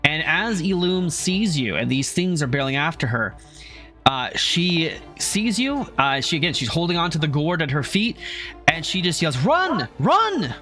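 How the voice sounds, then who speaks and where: A man's voice: on the high side, lively intonation, normal speed, sharp tone, soft background music. A man running a homebrew tabletop game as game master, narrating with many fillers and restarts.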